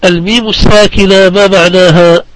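A man from Palestine teaching the rules of Quran recitation in a deliberate classroom manner, repeating key phrases for his students. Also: high-pitched, fairly even intonation, no echo, low-quality recording. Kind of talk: religious lesson on recitation rules.

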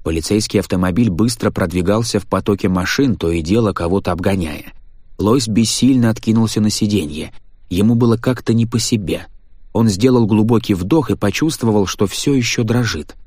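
Low-pitched guy reading a tense story, dry sound, steady delivery. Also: a little fast, husky, no echo. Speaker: audiobook narrator. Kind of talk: scripted narration.

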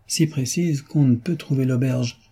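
A man's voice: medium pitch, unhurried, mellow, husky. A man voicing an eager young amateur detective, insistent and fervent, in a storybook reading.

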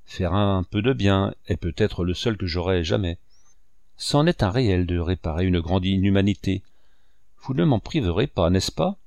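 A man voicing an earnest, generous young gentleman who speaks in a pleading, heartfelt way. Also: low voice, expressive, moderate pace, vocal fry, dry recording.

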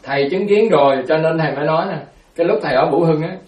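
Quick, animated monk. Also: male voice, on the high side, roomy sound, distant mic. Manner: animated storyteller, repeats words, acts out quotes. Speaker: Buddhist monk teacher. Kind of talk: storytelling dharma talk.

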